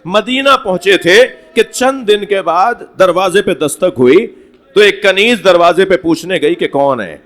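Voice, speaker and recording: A male cleric delivering a mourning sermon at a religious gathering, impassioned and rising to shouted lament. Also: high voice, animated. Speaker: Shia cleric giving a majlis. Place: mosque hall at a gathering.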